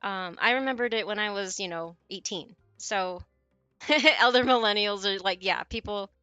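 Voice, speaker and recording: A woman's voice: mid-range voice, moderate pace, sharp tone, clear, resonant tone, no room sound, lo-fi sound, faint music behind. A woman in her forties, chatting casually with viewers on her stream, rambling and often correcting herself mid-sentence. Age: 40s.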